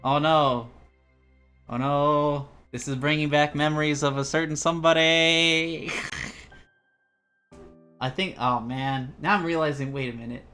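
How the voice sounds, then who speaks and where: A man streaming a visual novel, narrating its text and chatting casually, with jokes and loud outbursts. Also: a little high, fairly even intonation, measured pace, long pauses, faint music behind.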